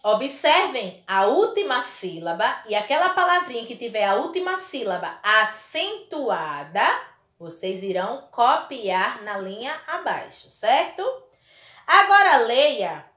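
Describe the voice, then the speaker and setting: Woman teacher, slow, lively pitch, affectionate and emphatic, echoey room. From Brazil. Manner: affectionate, slow and emphatic, stretching key words. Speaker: primary school teacher. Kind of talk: recorded classroom lesson for children.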